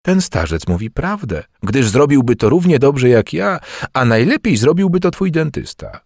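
Male audiobook narrator with lively delivery. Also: medium pitch, normal speed, no room sound, clean studio sound. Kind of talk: expressive first-person audiobook reading.

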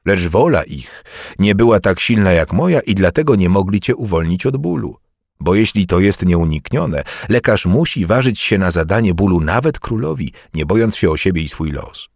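A man reads a story aloud in the first person with measured, theatrical delivery. His voice sits fairly low and moves with lively, animated intonation. The recording is close and dry. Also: gravelly, dry recording. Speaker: audiobook narrator. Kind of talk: expressive first-person audiobook reading.

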